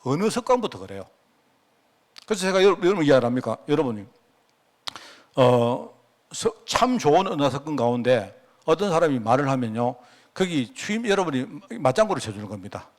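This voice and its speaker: Lively Gyeongsang-accented male pastor preaching. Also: mid-range voice, a little fast. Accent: Gyeongsang Korean. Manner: conversational, keeps asking the listeners questions. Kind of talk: sermon to a congregation.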